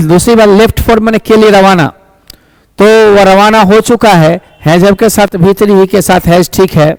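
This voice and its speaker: A man teaches English grammar for exams, his voice sitting high. He reads each example sentence out slowly and carefully, then rushes through the explanation. The sound is close and dry, with no room around it. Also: creaky, no room sound, poor audio. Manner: addresses students as "my child". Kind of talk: exam-prep grammar lesson.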